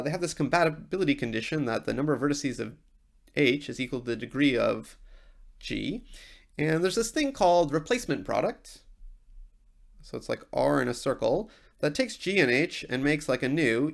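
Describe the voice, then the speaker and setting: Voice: mid-range voice, animated, normal speed, vocal fry. A university lecturer giving an informal technical explanation, thinking aloud with small asides along the way.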